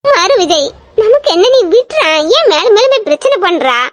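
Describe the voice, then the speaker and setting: A woman's voice: very high voice, very animated, moderate pace, no echo. A woman voicing an anxious young woman doctor. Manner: pleading, anxious. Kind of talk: audio drama acting.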